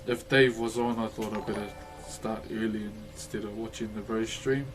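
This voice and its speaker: A man's voice: lowish voice, steady tone, normal speed, over music, poor audio. A man with a broad New Zealand accent chatting casually on a livestream in a laid-back, chummy, slangy way. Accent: broad Kiwi. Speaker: livestreamer greeting viewers. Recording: noticeable background noise.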